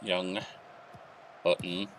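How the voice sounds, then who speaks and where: A man's voice: low-pitched, flat delivery, very slow, fairly bright tone, a faint crowd. A young adult man giving casual let's-play commentary, narrating match action in short bursts and thinking aloud. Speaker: gaming YouTuber.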